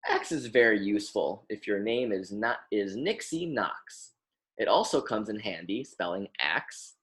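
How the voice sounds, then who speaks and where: A young American man, a graduate student, reads a children's book aloud as a lesson, at an unhurried pace with lively intonation that rises and falls widely. His voice is on the low side, and he instructs plainly, repeating and stressing words for the young listeners.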